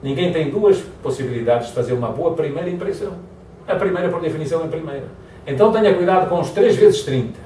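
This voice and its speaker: A fast-talking man with a fairly high pitch gives a lively motivational lecture, acting out example phrases in varied tones. There is slight background noise, and the echoey hall recording was made from far off.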